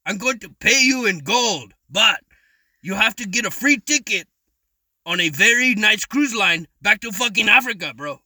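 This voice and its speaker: High-pitched taunting young man. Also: animated, moderate pace, bright, forceful tone, no room sound. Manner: taunting, mocking, repeats "bro" constantly. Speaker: online voice chat troll. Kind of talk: provocative voice chat banter.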